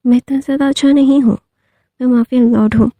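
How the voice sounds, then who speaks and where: A woman voicing a ruthless, possessive young mafia lord with blunt, flat delivery, in a storytelling retelling. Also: high voice, fast talker, no room sound, phone-quality sound, lightly acted. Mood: stern.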